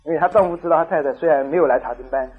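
A man preaching a sermon, telling a story in an animated way and acting out the dialogue. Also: fairly high pitch, rapid-fire, slightly rough, narrow, tinny audio, soft background music. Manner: animated, acts out dialogue, laughs at own story.

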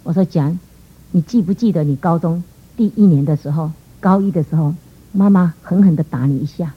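A middle-aged woman gives an emotional personal testimony at church, speaking quickly in a lowish, somewhat husky voice. She tells her story earnestly, acting out the dialogue along the way, and the recording sounds dull and lo-fi.

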